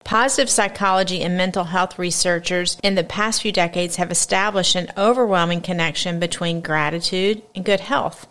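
Lady podcast cohost, kinda low voice, earnest and upbeat. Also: fairly even intonation, moderate pace, hardly any pauses, a bit bright. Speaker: podcast co-host. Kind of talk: scripted podcast talk.

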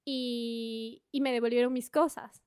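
A woman, a podcast guest telling a travel story in a chatty, animated way with many fillers. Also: on the high side, a little slow, smooth, no echo, clean studio sound. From Ecuador. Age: 20s. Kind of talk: casual storytelling in conversation.

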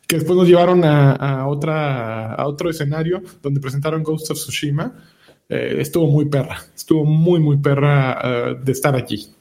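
A man's voice: on the high side, normal speed, a little mellow. A man with a Mexican accent giving casual, slangy commentary as a panelist on a gaming talk show, explaining his points and checking in with short tag questions.

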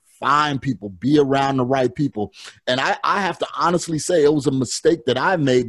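A man's voice: medium pitch, no echo. A man hosting a podcast, talking in an encouraging way with frequent restarts and repeated words. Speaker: podcast host. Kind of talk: casual podcast talk.

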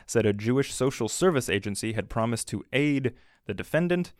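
A man's voice: medium pitch, expressive, a little fast, no room sound. A man co-hosting a podcast, chatting casually with a dry, wry manner and reading old archive clips aloud. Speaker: podcast co-host.

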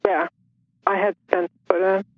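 A woman calling in to a radio show by phone, speaking haltingly, with pauses and restarts. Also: mid-range voice, big pitch swings, vocal fry, dry recording. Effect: heard over a phone line on a radio call-in show. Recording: muffled phone-line sound.

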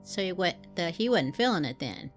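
A woman's voice: on the low side, very animated, soft background music. A woman co-hosting a podcast, chiming in with short reactions and questions. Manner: reactive, quick interjections. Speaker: podcast co-host. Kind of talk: casual chat.

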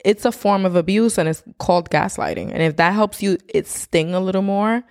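A woman co-hosting a podcast, chatting in an animated, opinionated way. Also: medium pitch, fairly quick, dry recording, clean studio sound. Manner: animated, opinionated, laughs often. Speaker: podcast co-host. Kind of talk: casual chat.

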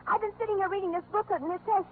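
A fussy, devoted young office secretary, fretful and sentimental. Her voice is very high, and it comes through a tinny old radio broadcast with a faint hiss under it. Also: fairly even intonation, rapid-fire. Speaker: detective's secretary. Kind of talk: 1940s radio acting.

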